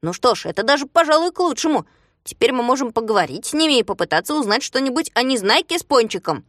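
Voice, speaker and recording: A woman voicing a sensible male leader who calls out loudly. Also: big pitch swings, fast talker, no echo, studio quality, full character voice. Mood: urgent calling. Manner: calling out loudly, high. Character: clever calm male leader of little folk.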